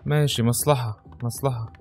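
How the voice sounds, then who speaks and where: A man with an Egyptian Arabic accent giving live gameplay commentary, muttering to himself and breaking into panicked yelling. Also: medium pitch, fairly even intonation, brisk, faint music behind. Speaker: gaming channel host.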